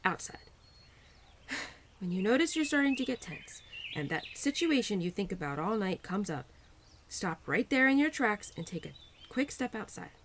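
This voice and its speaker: In an audio roleplay addressed to the listener, a woman with a medium-pitched voice plays a cheerful, playful young spirit of Spring. She is gentle and affectionate, giggly and easily flustered.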